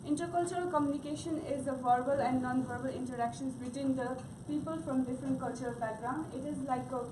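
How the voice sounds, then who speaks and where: Speaking fast in a steady, high-pitched tone, this student presenter from Nepal stumbles through her class talk with fillers and restarts. She is a native Gurung speaker with a Nepali accent, recorded from a distance in a noisy, echoing room.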